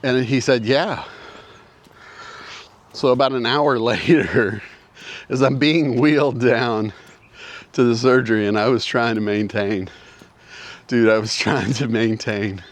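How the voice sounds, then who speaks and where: A man in his sixties, a vlogger, tells a personal story outdoors with mountains in view. His mid-range voice keeps a measured pace, though he rambles casually, sounds out of breath, and often repeats himself.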